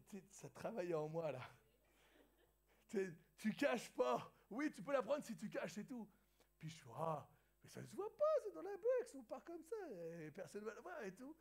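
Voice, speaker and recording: A man from France, a pastor, telling a lively anecdote in a sermon to his church, acting out the dialogue and laughing as he goes. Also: high voice. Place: church hall.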